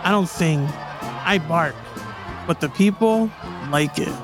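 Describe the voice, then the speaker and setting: A man's voice: a little high, slow, crowd noise. A man hosting a podcast, telling a true story in scripted documentary narration. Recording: music bed behind the voice.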